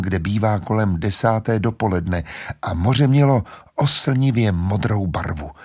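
A man narrating a children's story calmly and in a measured way. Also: lowish voice, slightly rough. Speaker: audiobook narrator. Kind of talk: scripted narration.

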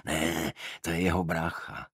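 A male detective grumbles and complains in a husky, low voice, as a man reads him in an audiobook. The sound is close and dry. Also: steady tone, a bit bright, no echo, heavily acted. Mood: grumbling. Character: grumbling male detective, moaning about women. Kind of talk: audiobook character voice.

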